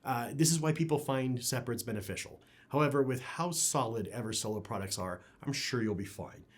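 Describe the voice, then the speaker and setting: A man who hosts an audio gear review channel talks fairly quickly at a medium pitch. His manner is conversational and opinionated, with emphatic phrasing.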